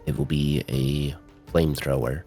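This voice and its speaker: Very deep man with a robotic metallic filter. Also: level tone, warm tone, soft background music. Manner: hesitant, pauses with fillers. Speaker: tabletop game player. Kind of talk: casual play over a voice call. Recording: voice call audio with a glitching auto-tune effect.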